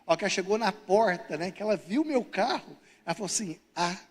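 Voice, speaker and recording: A man's voice: high voice, expressive, fast. A Brazilian man preaching a sermon, telling humorous stories and acting out the people in them. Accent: Brazilian Portuguese. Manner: humorous, acts out characters in his stories. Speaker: pastor. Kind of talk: sermon with storytelling. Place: church hall. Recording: long reverb of a church hall.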